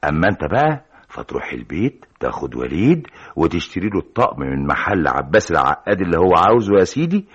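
A calm, persuasive Egyptian engineer. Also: male voice, deep voice, breathy edge, full character voice. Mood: planning. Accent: Egyptian Arabic. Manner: soothing, reasonable, takes charge. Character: calm, persuasive male engineer, fatherly senior colleague. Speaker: senior engineer colleague. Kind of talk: 1960s Egyptian radio drama acting. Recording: dull old radio recording with music.

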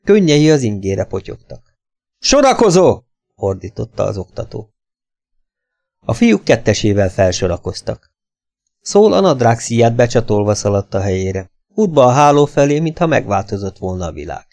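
A man narrating an audiobook in a steady, measured reading voice. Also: on the low side, gravelly.

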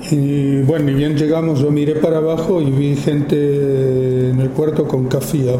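Argentine man in his fifties, hesitant and full of fillers, slow delivery, echoey noisy room. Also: fairly high pitch, flat delivery. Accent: Argentine Spanish. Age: 50s. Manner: slow and halting, many pauses and fillers. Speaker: photographer giving a talk. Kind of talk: informal talk to an audience.

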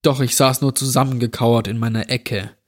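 A man narrating a scripted horror story in a slow, measured, somber way. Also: mid-range voice, steady tone.

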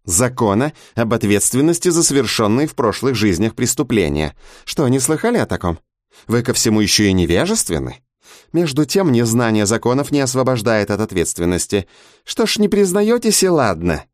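A man's voice: medium pitch, big pitch swings, no room sound, studio quality, natural voice. A man voicing a mocking male interrogator who drags out his bureaucratic phrases. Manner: mocking, drawn-out officialese.

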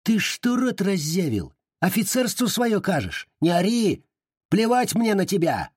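A man voicing a spiteful, hot-tempered young Cossack in an audiobook reading, with a high, yelping delivery. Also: expressive, a little slow, breathy edge, no room sound, clean studio sound. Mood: shrieking spite.

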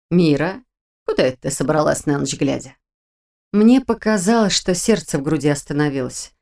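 A woman reading a first-person fantasy audiobook in an even, expressive storytelling manner. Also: fairly low pitch. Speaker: audiobook narrator.

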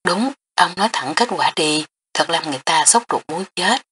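A woman reading an audiobook, voicing a lively young princess who talks in a hurried, eager way. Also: sits low, slight background noise. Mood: urgent, impatient.

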